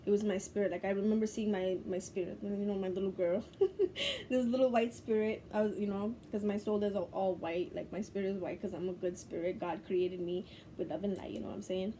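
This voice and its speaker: A woman's voice: mid-range voice, brisk, dark tone, slight background noise. A young woman from Bangladesh, a spiritual teacher, telling a personal story to camera in a loose, profane, laughing way.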